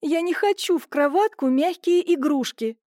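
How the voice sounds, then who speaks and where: A woman voicing a young pregnant wife who is emotional, excitable and close to tears. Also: very high voice, normal speed, no echo, voice pushed up. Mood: tearful. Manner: tearful, excitable.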